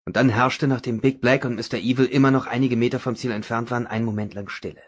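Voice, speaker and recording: A man reading a novel aloud as audiobook narrator, in a dramatic, even manner. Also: medium pitch, fast, slightly rough. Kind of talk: scripted narration.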